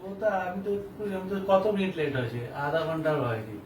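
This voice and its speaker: A man's voice: a little high, lively intonation, quick pace, darkish tone. A man playing a husband in a home skit, talking in a playful, teasing way. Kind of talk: acted domestic skit. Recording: echoey room from a distance with noise.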